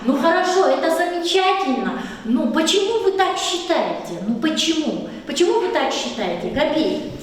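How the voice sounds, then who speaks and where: A middle-aged woman whose first language is Lezgian teaches a classroom lesson in a high, bright voice, swinging widely in pitch at normal speed. She keeps questioning the pupils and praising their answers, and her voice echoes around the room before reaching a distant camera mic.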